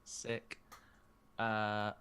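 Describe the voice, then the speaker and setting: A man's voice: fairly low pitch, monotone, very slow, a bit bright, clear, resonant tone. A man playing a tabletop game, talking casually with many fillers and a wry tone. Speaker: player.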